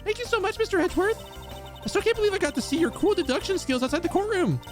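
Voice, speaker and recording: A man plays a timid young woman from a video game, pitched very high. She gushes politely and frets about her bad luck, swinging up and down as she goes, with music behind her. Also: expressive, fast talker. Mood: gushing, self-pitying.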